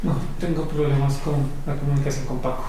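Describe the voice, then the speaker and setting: A man with a fairly high voice hosts a live show, sounding flustered and going over the same words again. He is set back from the mic in a strongly echoing room, with faint music behind. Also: level tone, fairly quick, mellow, slight background noise. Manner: flustered, repetitive. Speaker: podcast host handling the call. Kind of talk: casual live show chat. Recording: distant, very echoey room.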